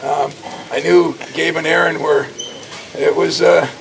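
A very gravelly, raspy man in his sixties with a slightly high pitch talks into a cluster of reporters' handheld mics. He answers questions as a coach, emphatic and full of anecdotes. The hallway around him is loud and busy, and his voice is caught from a step away. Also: level tone, measured pace, recorded from a distance, noisy background. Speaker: college basketball coach. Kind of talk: post-game press scrum. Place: crowded indoor hallway outside a locker room. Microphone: cluster of reporters' handheld mics at close range.

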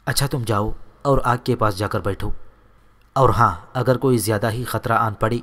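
A man's voice: fairly low pitch, fairly bright tone, close to an everyday voice. A man doing a firm young warrior. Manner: firm, commanding. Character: brave young male warrior, calm protector.

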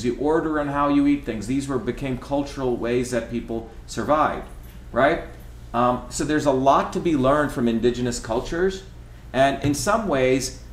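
A middle-aged man from India, talking while he cooks in his home kitchen, emphatic and lecturing, often asking "okay?" to drive his points home. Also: mid-range voice. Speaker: host. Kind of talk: casual talk while cooking. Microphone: camera across the kitchen. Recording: echoey kitchen room.

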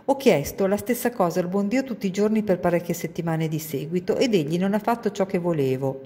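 A sad, homesick little girl from a storybook, as a woman reading aloud puts her on, raised a little above the reader's own low, mellow voice. She sounds plaintive and earnest, and a long reverb trails after her words. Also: brisk, natural voice.

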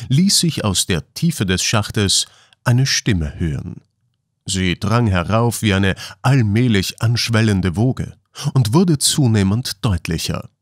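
A male audiobook narrator with a mid-pitched voice and lively melody. He tells the story expressively in clean, dry, close studio sound. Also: dry recording. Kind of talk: scripted narration.

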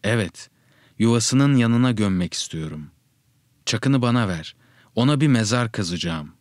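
A man's voice: fairly low pitch, expressive, a little slow, no room sound. A man reading the lines of a tender-hearted young boy in a told story, earnest and pleading, in a dry, close recording. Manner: pleading, earnest, rising to shouts.

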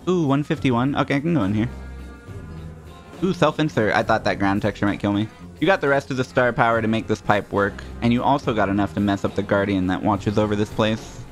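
A man's voice: fairly low pitch, brisk, faint music behind. A young man giving casual, sarcastic, self-mocking commentary while playing a game, swearing freely. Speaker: streamer.

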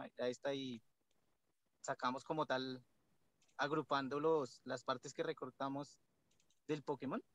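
Male student, hesitant and defensive, fairly high voice, dry sound. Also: dry recording, rough recording. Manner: hesitant, defensive, explaining himself. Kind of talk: class discussion.

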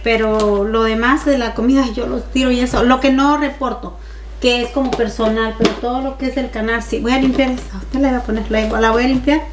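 A woman's voice: a little high, steady tone, a little fast, noisy background. A woman in her forties chatting to her viewers in a casual home vlog, exclaiming as she goes. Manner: chatty, exclaiming, addresses viewers as "mis chicas". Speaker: vlogger. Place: home kitchen and dining room, indoors. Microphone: camera on tripod and handheld camera. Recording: home vlog with clear kitchen clatter.

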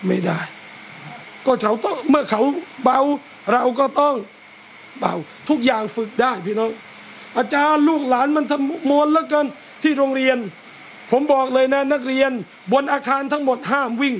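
A man, a religious teacher, gives a lively lecture at a home gathering, talking straight to his listeners. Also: very high-pitched, normal speed, a little hiss or hum. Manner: lively, talks straight to listeners and acts out scolding parents.

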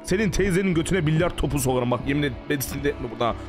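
Jumpy high-voiced man playing a horror game. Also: expressive, racing, music in the background. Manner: jumpy, panicky, swearing exclamations. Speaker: gaming streamer. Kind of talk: horror game let's play commentary.

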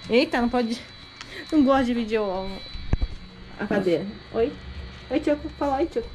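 A woman's voice: on the high side, animated, moderate pace, darkish tone, faint music behind, rough recording. A woman in casual baby talk to her pets at home, cooing and repeating pet names in a sing-song way. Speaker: vlogger talking to her pets. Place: home with dogs around.

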